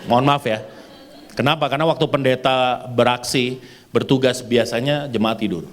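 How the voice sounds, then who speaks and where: A man preaching a sermon at an outdoor church service, telling a humorous story with lively acted-out dialogue and frequent laughter, with a casual touch. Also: medium pitch, normal speed, slight background noise. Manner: animated storyteller, acts out dialogue, laughs often. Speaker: pastor.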